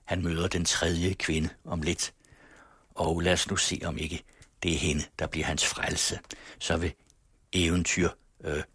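A male radio host reading classic literature aloud and explaining the story in a measured, unhurried way. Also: low voice, little pitch movement, a bit bright, slightly rough, dry recording, clean studio sound. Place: radio studio.

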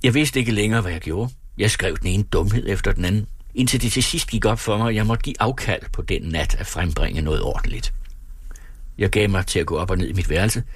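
A man reading a first-person story aloud in a calm, measured way. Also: lowish voice, breathy edge, no room sound. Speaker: audiobook narrator. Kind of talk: scripted first-person narration.

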